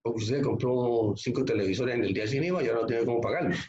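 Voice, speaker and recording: A man's voice: medium pitch, fast, mellow. A man preaching a sermon as pastor, emphatic and conversational, often asking the listeners rhetorical questions. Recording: echoey, slightly muffled room recording.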